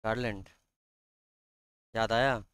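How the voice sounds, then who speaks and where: A man's voice: lowish voice, steady tone, fairly bright tone, clean tone, dry recording. Bengali man teaching a class. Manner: quizzing students, reads English lines slowly. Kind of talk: classroom lesson.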